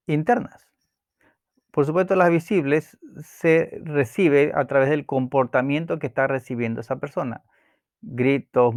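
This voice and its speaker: A man calmly explaining a self-help book chapter, pausing with fillers and restarting words as he goes. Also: mid-range voice, no echo, studio quality. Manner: calm, explanatory, with hesitations and repeated words.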